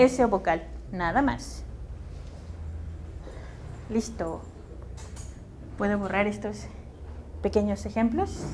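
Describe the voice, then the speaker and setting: A woman's voice: a little high, darkish tone, slight background noise. A woman teacher with a Mexican Spanish accent lecturing a class in a classroom, patient and checking understanding with questions.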